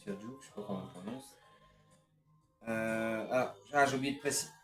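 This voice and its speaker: A man's voice: fairly low pitch, moderate pace, fairly bright tone, reverberant, faint music behind. Hesitant man listing his CD collection. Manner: hesitant, many fillers, lists titles. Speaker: record collector showing his CDs. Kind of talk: casual unscripted collection vlog.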